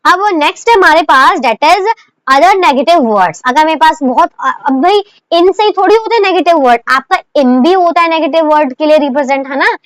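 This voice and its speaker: A woman's voice: sits high, brisk, dry recording. A young woman teaching shorthand step by step, patiently repeating checks and asking questions as she goes. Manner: patient, repeats "theek hai" and rhetorical questions, mixes English terms into Hindi. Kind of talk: recorded lesson explaining by demonstration.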